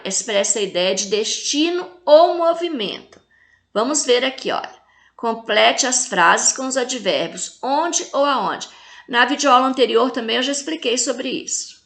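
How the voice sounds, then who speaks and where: A woman with a Brazilian accent teaches children in a recorded video lesson. Her voice sits a little high, and she stretches out each example word slowly and clearly. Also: pushed and bright. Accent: Brazilian Portuguese. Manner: slow, drawn-out syllables when reading example words.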